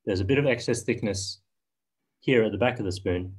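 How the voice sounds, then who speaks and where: A man demonstrating spoon carving on a video call, talking in a soft, hesitant way with frequent ums and restarts. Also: on the low side, brisk, slightly rough, low-quality recording. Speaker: spoon carver giving a demo. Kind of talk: casual video-call discussion.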